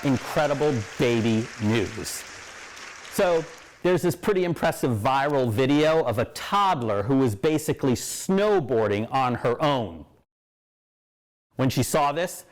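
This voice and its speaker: A man delivering a late-night comedy monologue as host, with punchline timing. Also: fairly high pitch. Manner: punchline delivery, jumps into silly voices.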